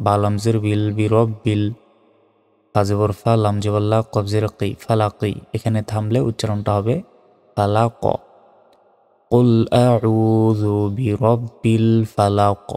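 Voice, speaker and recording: A man teaching Quran recitation letter by letter, moving between slow chanted recitation and plain spoken explanation. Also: on the low side, darkish tone. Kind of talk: spelled-out recitation lesson. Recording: long reverb.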